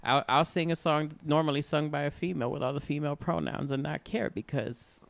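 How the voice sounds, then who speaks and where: Co-hosting a podcast, a man in his forties laughs often during expressive, casual chat. He sounds a little high and gravelly, keeping a steady tone at a brisk pace, and there is no echo.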